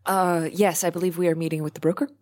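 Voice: mid-range voice, flat delivery, quick pace, darkish tone. A tabletop game player speaking casually, improvising in-character banter and describing a character.

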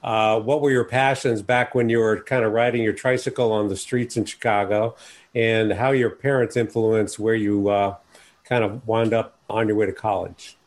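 A man from New York hosting a business interview podcast, asking his guest questions in a formal, measured way. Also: on the low side, fairly even intonation. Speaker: podcast host.

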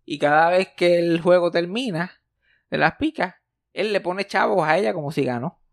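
Animated Puerto Rican man, dry close sound. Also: high voice, normal speed, gravelly, no echo. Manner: animated, joking, tumbling anecdotes. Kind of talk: casual storytelling chat.

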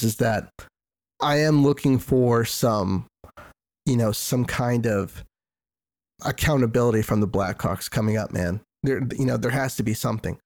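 A man hosts casual sports talk sounding sick and stuffed up in the nose. His pitch is average and his delivery halts and doubles back on words. The sound is dry, with very little room to it. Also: a little mellow, no room sound. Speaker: sports podcast host. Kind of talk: casual hockey commentary.

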